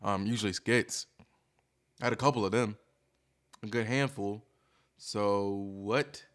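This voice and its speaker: A man's voice: lowish voice, fairly even intonation, measured pace, fairly bright tone. A man streamer talking casually and candidly in a rambling, hesitant, self-deprecating monologue, as if thinking aloud.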